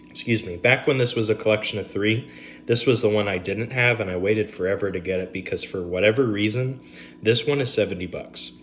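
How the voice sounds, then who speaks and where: A man's voice: on the low side, normal speed, a bit bright. A man, casually reviewing bourbons on camera at home, rambling with fillers and asides.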